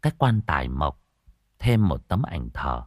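A man narrating an emotional story in a dramatic, expressive way. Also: very deep voice, a little slow, no echo, studio quality.

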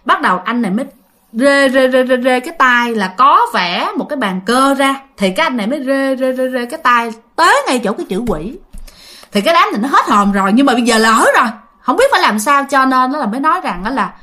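Lively woman storyteller. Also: high-pitched, quick pace. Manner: animated, repeats words for effect, addresses listeners directly. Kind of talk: casual ghost story telling.

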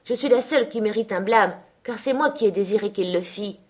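A woman's voice: medium pitch, brisk, pitched above the performer's own voice, natural voice. A woman reading an audiobook, voicing a defiant young woman who throws bold, taunting retorts.

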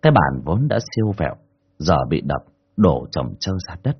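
A man narrating a folk tale in an expressive, colloquial way. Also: very deep voice, normal speed, husky, muffled recording. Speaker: storyteller. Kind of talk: dramatic audiobook narration.

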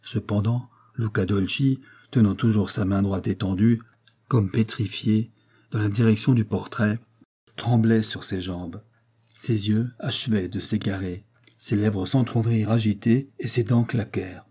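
Man, audiobook narration, husky voice, deep, measured dramatic storytelling. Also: fairly even intonation, dark tone.

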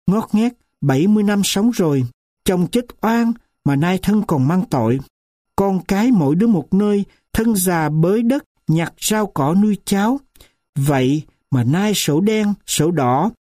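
A man's voice: sits high, expressive, mellow, dry recording, studio quality. Man reading as a defiant old grandmother. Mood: aggrieved. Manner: pleading then accusing, slow weighty delivery. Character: indignant grandmother near seventy, worn down and defiant.

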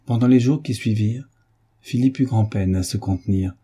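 A man narrating a classic novel in a measured, even reading as an audiobook narrator. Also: on the low side, husky. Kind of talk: scripted literary narration.

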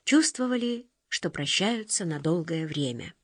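A woman reading a novel aloud as audiobook narrator in a measured, expressive way. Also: on the low side, no echo, clean studio sound. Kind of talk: scripted narration.

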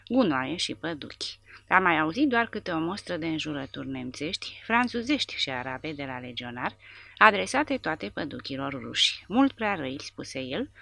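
A woman narrating an audiobook of a war novel in a steady storytelling manner. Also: low voice, gravelly, no room sound.

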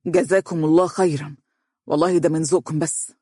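Reader doing a gentle young male doctor with an Egyptian accent, measured and soothing, dry audiobook sound. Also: mid-range voice, steady tone, breathy edge, no echo, natural voice. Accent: Egyptian Arabic. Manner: soft, reassuring, measured.

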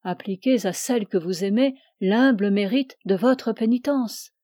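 A man's voice: high voice, unhurried, dark tone, no room sound, studio quality. A woman reading the part of an aging ascetic priest who preaches with solemn fervor. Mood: grave. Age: older. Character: aging ascetic male priest, imperious and pleading.

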